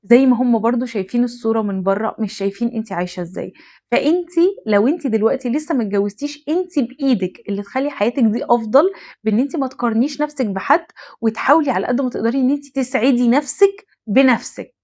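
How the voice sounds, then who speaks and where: Her voice a little high and slightly mellow, a young adult woman races through a direct-to-camera advice talk as host. She speaks earnestly and emphatically to the listener in an Egyptian Arabic accent.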